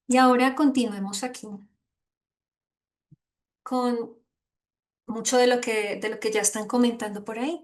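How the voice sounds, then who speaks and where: A woman giving an online lecture as a course instructor, earnest and gently emphatic, often checking in with her listeners. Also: medium pitch.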